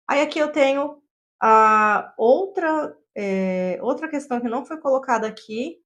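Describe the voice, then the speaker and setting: Woman teaching English at a board. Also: on the high side. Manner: explains step by step, checks in with "tá?" and "ok?". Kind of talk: classroom lesson explaining grammar.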